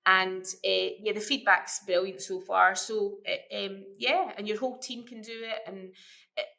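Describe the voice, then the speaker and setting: A woman's voice: medium pitch, fairly even intonation, moderate pace, creaky, bright, forceful tone. A middle-aged woman who works as an early years educator, talking as a guest on a casual podcast. She tells stories with lots of energy and often repeats words as she starts a thought.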